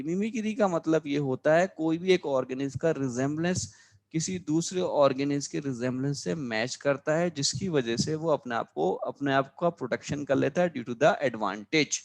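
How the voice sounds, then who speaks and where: Male tutor, slightly high voice, exam-prep biology lesson; repetitive, checks in with students often. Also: measured pace. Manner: repeats key terms, checks understanding with "clear?"; addresses students as children, frequent reminders to remember. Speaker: biology teacher. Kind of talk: exam-prep lesson explaining class notes.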